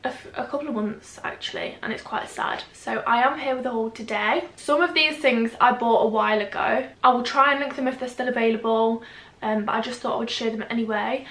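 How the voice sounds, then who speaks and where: A woman's voice: on the high side, fairly even intonation, a little fast, fairly bright tone, reverberant. A young woman, chatting casually and self-deprecatingly through a fashion try-on haul at home, rambling with fillers. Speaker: fashion vlogger. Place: indoor room at home.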